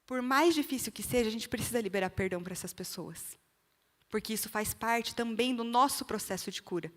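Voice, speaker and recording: A woman's voice: on the high side, brisk. A woman with a Brazilian accent giving an earnest church testimony in sermon style, speaking straight to the listeners. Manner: earnest, direct appeals to the listener. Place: church hall. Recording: long reverb of a church hall.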